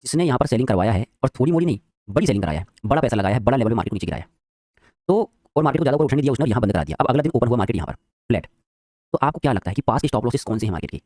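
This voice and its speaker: A man teaching a live trading lesson, quizzing his viewers and talking very quickly. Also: medium pitch, expressive, dark tone, dry recording, clean studio sound.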